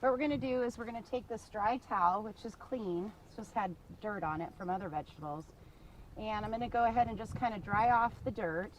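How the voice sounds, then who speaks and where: A woman's voice: mid-range voice, brisk, a little hiss or hum, low-quality recording. A woman on a casual show-and-tell tour of her vegetable garden, chatty and enthusiastic, often laughing. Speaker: small farmer giving a garden tour.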